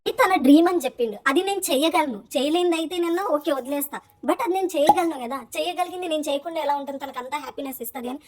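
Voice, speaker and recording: Fast-talking high-voiced Telangana woman. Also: darkish tone. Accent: Telangana Telugu. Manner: chatty, rapid storytelling with English words mixed in. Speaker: vlogger. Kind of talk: casual voice-over vlog narration.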